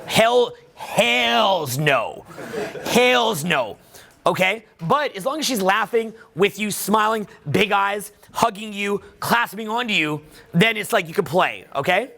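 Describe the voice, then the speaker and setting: Man, high voice, dating coach voice-over, emphatic, swears a lot. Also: slow pace, gravelly. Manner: emphatic, profane, animated.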